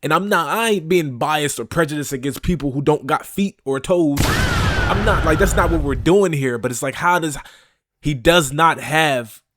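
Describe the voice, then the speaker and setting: A man's voice: on the high side, moderate pace, fairly bright tone. A man hosting a reaction video, talking in a casual, incredulous and profane way.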